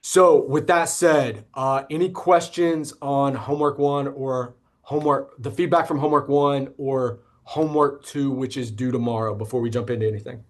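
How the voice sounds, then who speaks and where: A man's voice: medium pitch, normal speed, hardly any pauses. A man in his thirties teaching an online statistics class over a video call, checking in often with "okay?". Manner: relaxed, repeats "okay?" to check in. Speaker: instructor. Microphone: computer mic on a video call.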